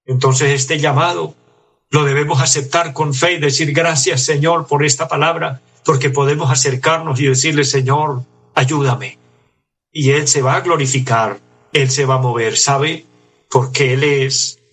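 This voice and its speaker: A man's voice: fairly high pitch, creaky, fairly bright tone, husky. A man preaching a sermon in an earnest, pleading way, reading scripture aloud to his listeners.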